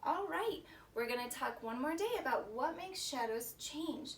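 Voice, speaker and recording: Leading young children through story time, a female teacher gives instructions in a high, animated voice at a slightly slow pace. She prompts the kids and repeats words so they'll echo them, recorded from a distant mic with faint background noise.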